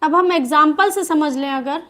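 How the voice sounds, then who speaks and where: A woman's voice: sits high, normal speed, a bit bright. A woman with an Indian accent teaching English grammar in a video lesson, asking questions and answering them herself.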